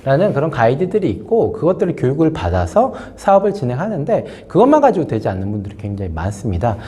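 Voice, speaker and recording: A man hosts a business lesson as a casual spoken lecture to camera, full of fillers and asides, while nursing a sore throat from a cold. His mid-range, warm voice swoops wildly in pitch and moves fast.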